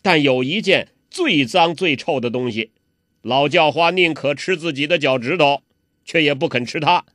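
A man doing a gruff old beggar master. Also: moderate pace, fairly bright tone, no echo, studio quality, natural voice. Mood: gruff, scheming. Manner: coarse, scolding, chuckling low talk. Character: old male beggar martial arts master, gruff and mischievous.

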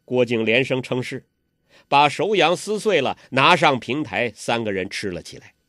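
A man's voice: medium pitch, lively intonation, normal speed, fairly bright tone, no room sound, clean studio sound. A man narrating a martial arts tale in traditional oral storytelling style, with dramatic emphasis.

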